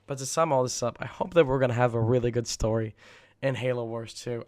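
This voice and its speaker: A young man speaks with a raspy voice that sounds worn by illness. He gives casual gaming commentary straight to his viewers, earnest and full of opinions, at a medium pitch. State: sick, rough voice. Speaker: gaming video creator.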